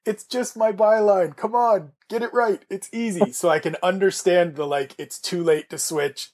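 A man from Canada hosting a casual podcast chat, talking in a rambling way with restarts. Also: on the high side. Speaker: podcast host.

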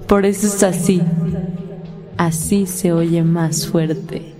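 A woman who talks softly and shyly as a co-host on a joking homemade show. She speaks slowly and at an even, middle pitch. Music plays underneath her. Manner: shy, soft-spoken.

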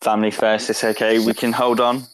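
A man's voice: fairly low pitch, little pitch movement, brisk, clean tone, low-quality recording. A man casually hosting an online audio chat in a chatty, laid-back way. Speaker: host.

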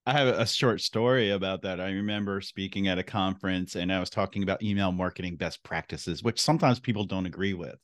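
A man hosting a podcast interview, telling stories in an animated, conversational way. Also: deep voice, fast talker, hardly any pauses, no echo, studio quality. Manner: animated storytelling with examples. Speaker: podcast host.

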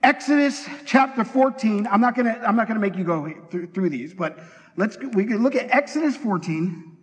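A man preaching an energetic sermon in a church, talking fast and excitedly and acting out bits of dialogue. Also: high-pitched. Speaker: pastor. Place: church sanctuary. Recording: long hall reverb.

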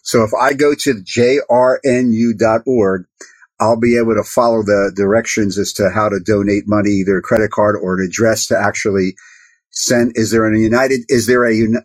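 A man's voice: lowish voice, dry recording. A man hosting a podcast, asking long, rambling questions full of restarts. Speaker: podcast host. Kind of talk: podcast interview.

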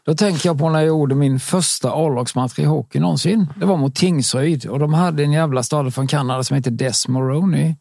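A man's voice: on the high side, vocal fry, few pauses, a little mellow, no room sound. A man, a former hockey player on a sports chat show, telling stories with dry humor.

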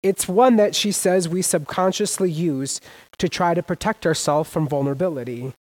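Higher-voiced man preaching with sudden emphasis. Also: normal speed, rough recording. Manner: emphatic, with sudden loud rises and casual slang. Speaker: pastor. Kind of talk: sermon.

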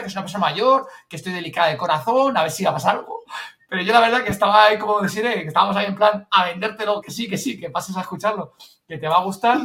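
Recorded on a distant mic, this Spanish man from Spain tells an offhand tale at high speed, his voice bright and a touch high. He sounds lively and colloquial, much like a podcaster swapping stories with coworkers.

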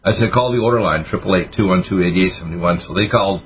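Fast-talking man on radio with lo-fi sound. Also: deep voice. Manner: rapid, hyper delivery. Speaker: radio show host, doctor giving health advice. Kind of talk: casual radio call-in talk. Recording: dull lo-fi radio audio with faint hiss.

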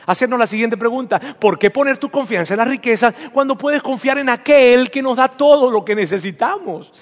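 In a church hall with big-room sound, a pastor preaches a sermon, emphatic and repetitive, leading his congregation in spoken declarations. His voice is very high and his pace brisk.

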